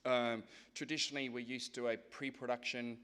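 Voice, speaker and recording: A man with a mid-pitched voice presents at a conference. He explains his subject step by step in an informal, conversational register. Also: flat delivery, normal speed, a bit bright, smooth. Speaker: film professional, conference presenter.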